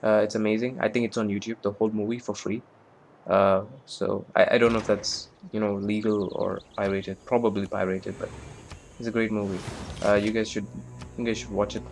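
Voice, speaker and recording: A man's voice: on the low side, level tone, a little fast, vocal fry, a little hiss or hum. A man giving casual, rambling let's-play commentary on a strategy game, with lots of fillers and self-deprecating asides. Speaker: gameplay commentator.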